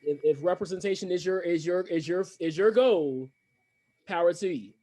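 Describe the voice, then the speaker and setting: A man's voice: sits high, normal speed, mellow. A man co-hosting a podcast in casual chat, opinionated and rambling with restarts. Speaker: podcast co-host.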